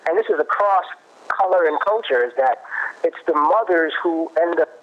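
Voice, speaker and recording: A man's voice: fairly high pitch, animated, normal speed. Thoughtful man with muffled sound. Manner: thoughtful, restarts often, cites research. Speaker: guest expert on parenting. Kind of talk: conversational explanation. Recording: muffled lo-fi audio.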